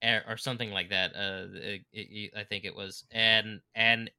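A man's voice: fairly low pitch, level tone, moderate pace, pushed and bright, clear, resonant tone. A man co-hosting a casual podcast chat, telling a story with lots of stumbles and restarts. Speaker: podcast co-host.

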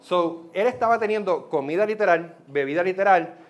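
A male pastor delivers a sermon in a somewhat high voice. He preaches in an animated, chatty way, slipping English words into his talk, with soft music playing underneath. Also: normal speed.

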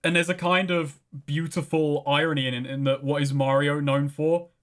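A man's voice: a little high, little pitch movement, normal speed. A man chatting casually, making wry, understated remarks. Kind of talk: casual chat.

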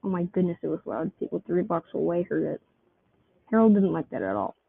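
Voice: medium pitch, sing-song, a little fast, gravelly, husky, no room sound. A person reading a homemade comic story aloud, keeping the characters' voices close to their own. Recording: tinny phone-like dry recording.

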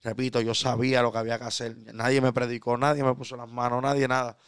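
A man in his thirties with a Puerto Rican accent, a preacher telling his conversion story earnestly and sometimes dropping to a hush. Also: medium pitch, level tone, fast talker, smooth, no room sound, studio quality. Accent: Puerto Rican Spanish. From Puerto Rico. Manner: earnest storytelling, drops to a hushed tone for intimate moments. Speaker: preacher guest. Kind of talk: conversational testimony.

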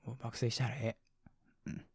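On a laid-back late-night sleep radio show, a Kansai-accented man reads out listener comments, his soft, mumbly voice slightly slurred, chuckling quietly and sinking into near-whispers. His voice is mid-range, husky and a little fast. The recording is dry and studio quality.

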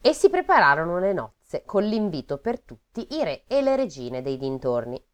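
Woman, fairy-tale reader, sarcastic asides, lively swooping pitch, fairly low voice. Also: normal speed. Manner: reads aloud with sarcastic asides and swearing. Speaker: podcast co-host reading a fairy tale. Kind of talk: casual comic storytelling.

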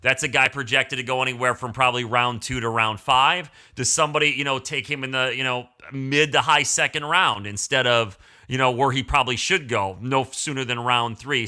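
Male sports talk host, forties, very bright forceful voice, conversational analysis. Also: mid-range voice.

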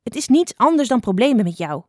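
A woman voicing a blind, sharp-tongued old female fox who scolds impatiently. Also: fairly high pitch, big pitch swings, brisk, no echo, clean studio sound, pitched above the performer's own voice. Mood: stern.

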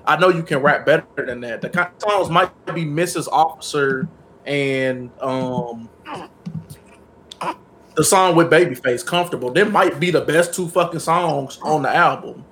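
A man with a somewhat high voice co-hosting a casual podcast. He talks bluntly and emphatically, with plenty of profanity. Light noise sits underneath the recording. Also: a little slow, a bit bright. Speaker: podcast co-host. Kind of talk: casual chat.

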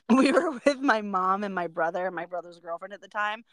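A woman's voice: mid-range voice, animated, moderate pace, no echo. A woman in her thirties co-hosting a casual chat podcast, telling stories and laughing at herself often. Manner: laughs often, self-mocking storyteller. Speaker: podcast co-host.

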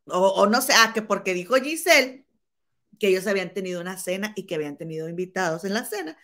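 Animated woman dishing gossip. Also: mid-range voice. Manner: animated storytelling, acts out quoted insults, keeps saying "comadre". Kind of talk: casual celebrity gossip chat.

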